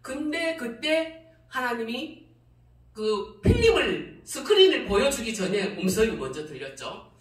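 A middle-aged woman pastor preaches a testimony, laughing often and acting out her own cries to God. Her voice is high and bright and swings widely in pitch. It comes from a distance and echoes through a roomy hall. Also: sing-song, unhurried. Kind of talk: testimony sermon.

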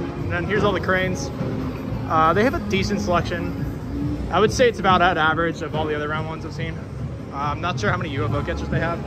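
A man walking through a large indoor arcade, filming on a handheld phone and casually listing the games with many filler uhs. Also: fairly high pitch. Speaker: arcade vlogger. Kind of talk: walking tour narration. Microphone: handheld phone camera. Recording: arcade music loud behind voice. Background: loud arcade music.

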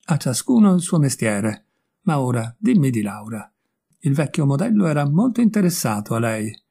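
A man's voice: medium pitch, sing-song, moderate pace, gravelly, mellow, breathy edge, exaggerated voice. A man voicing a witty, worldly young male painter in an audiobook, speaking in a breezy, teasing way. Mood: amused. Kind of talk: audiobook character voice.

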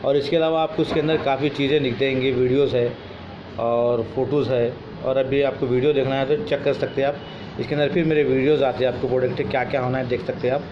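A man's voice: mid-range voice, fairly even intonation, quick pace. A man giving an informal, repetitive product demonstration as a shopkeeper, recorded on a phone in a small room. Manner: repetitive, instructive sales patter. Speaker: shopkeeper and seller of household goods. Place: small indoor shop room with shelves of crockery. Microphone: phone camera a short distance away. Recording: muffled, noisy, echoey phone video.

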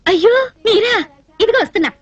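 A woman's voice: extremely high pitch, a little fast, dull audio. A young woman playing a naive, lovestruck girl who pleads and weeps for comic effect in a film scene. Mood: plaintive. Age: young adult. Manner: plaintive, pleading, given to comic tears. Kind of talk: Telugu film comedy dialogue.

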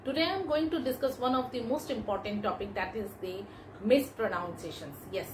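A woman's voice: fairly high pitch, brisk. A woman teaching English pronunciation, repeating each word with emphatic corrections. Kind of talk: pronunciation lesson. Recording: echoey room with faint background noise.

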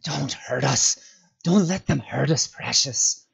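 Gollum, hissing and whimpering. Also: male voice, medium pitch, slow, vocal fry, husky, pitched above the performer's own voice, heavily acted. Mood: whimpering, pleading. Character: wretched hissing creature, cringing and greedy. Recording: dull lo-fi recording.

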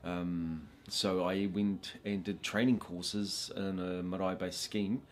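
A man in his forties telling his life story in a relaxed, reflective way during an interview in a classroom. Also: deep voice, a little hiss or hum. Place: indoor classroom.

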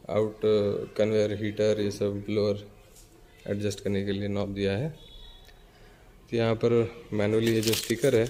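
This clip features a man from India speaking for the machine manufacturer, his voice on the low side with a darkish tone. He moves through a big indoor factory with a phone camera in hand, pointing out and explaining every bottling machine step by step. A little hiss or hum sits under the recording.

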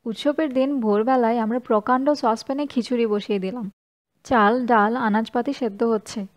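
A woman's voice: on the high side, steady tone, moderate pace. Woman narrating an audiobook. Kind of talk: scripted first-person story narration.

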